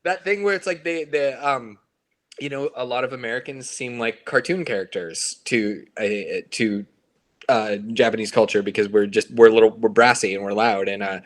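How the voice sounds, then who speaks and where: A man's voice: fairly low pitch, moderate pace. A man, a band member, chatting casually and rambling in a podcast with lots of fillers and restarts.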